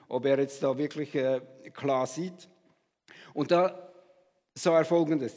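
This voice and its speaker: A man's voice: on the high side, a little mellow, long reverb tail. A man preaching a sermon as pastor, speaking in an earnest, conversational way and addressing listeners directly.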